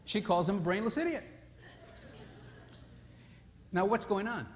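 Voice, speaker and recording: A male preacher giving an animated, story-driven sermon, dropping low and quiet for emphasis. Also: measured pace, a little hiss or hum. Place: church sanctuary. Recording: long church hall reverb.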